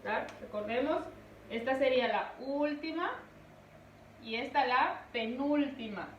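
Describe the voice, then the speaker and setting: A woman teaching a grammar lesson, pronouncing words slowly and stressing each syllable. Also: sits high, muffled recording. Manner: slow, deliberate, stresses syllables. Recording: echoey room, distant mic, faint noise.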